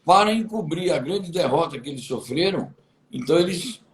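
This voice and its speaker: A man, speaking as an interview guest in a measured, deliberate way with hesitant restarts. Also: a little high, expressive, low-quality recording. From Bahia, Brazil. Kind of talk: political commentary interview.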